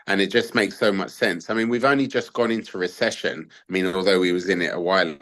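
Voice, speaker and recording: A man's voice: deep voice, fairly even intonation, fast talker, fairly bright tone. A man, a gold investment adviser, explaining his approach in a talkative, casual interview style with many fillers and asides.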